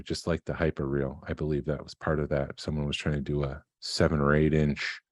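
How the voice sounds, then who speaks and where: A man's voice: a bass voice, darkish tone, dry recording, clean studio sound. A man co-hosting a collecting podcast in casual chat, explaining things in a matter-of-fact way. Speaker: podcast co-host.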